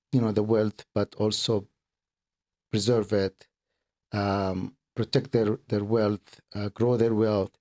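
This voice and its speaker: A middle-aged man from Kuwait, a guest speaking in a casual interview, earnest and halting, often repeating words as he explains. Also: on the low side, dark tone. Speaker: podcast guest, accountant and business owner.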